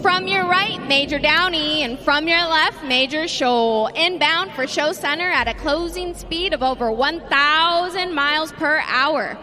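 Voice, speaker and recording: A woman giving scripted airshow commentary in a measured, dramatic announcer style. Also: sits high, background noise. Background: loud music.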